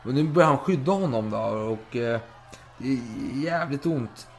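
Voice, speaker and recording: A man's voice: medium pitch, animated, slight background noise. A man casually and animatedly retelling history as a podcast host, swearing freely and acting out scenes.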